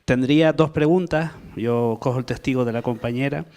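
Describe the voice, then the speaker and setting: Man, mid-pitched voice, polite, long-winded question from the audience. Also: normal speed, a little mellow, smooth. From Canary Islands, Spain. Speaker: audience member asking questions. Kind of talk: workshop Q&A question.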